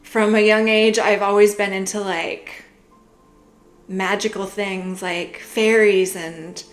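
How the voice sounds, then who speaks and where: A young woman talks through a tarot reading in an easy, wandering way, full of little fillers. Her voice sits at an ordinary middle pitch, with faint music playing behind her. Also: level tone, takes it slowly. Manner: gentle, musing, many fillers like "like" and "you know". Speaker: tarot reader. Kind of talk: casual spoken tarot reading.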